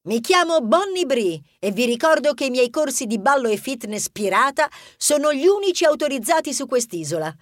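Man doing a shrill bossy pirate rodent lady. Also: animated, measured pace, few pauses, fairly bright tone, no room sound, clean studio sound, full character voice. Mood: cordial. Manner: shrill, commanding, chirpy. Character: bossy female pirate rodent, fitness instructor. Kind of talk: audiobook character voice.

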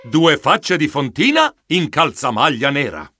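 A man narrating a children's audiobook in the first person, playful and theatrical, with comic shouts and sound effects. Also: fairly high pitch, very animated, measured pace, over music.

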